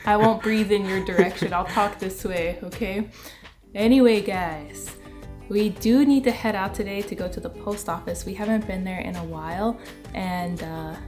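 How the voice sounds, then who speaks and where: A young woman chats casually in a vlog, bubbly and playful and laughing often, her voice a bit stuffy from a cold. Her pitch is medium and her speed normal. She starts in a living room and moves to a post office, and the recording sounds roomy with music behind her.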